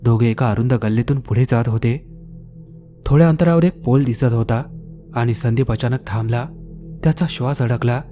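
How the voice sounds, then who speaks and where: Brief: male storyteller, scripted horror narration, steady and measured, warm dark tone, faint music behind. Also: medium pitch.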